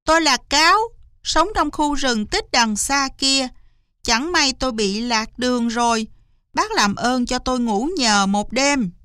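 A woman's voice: a little slow, bright, forceful tone, clear, resonant tone, no echo, clean studio sound. A woman voicing a sly, boastful male fox who whines and fake-cries in a storybook reading. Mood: whiny. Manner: high, shrill, wailing and whining.

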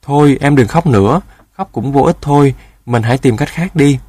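A man voicing a kind older dove in a storybook tale who comforts gently. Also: mid-range voice, normal speed, breathy edge, no echo, studio quality, pitched above the performer's own voice, close to an everyday voice. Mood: soothing. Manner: soothing.

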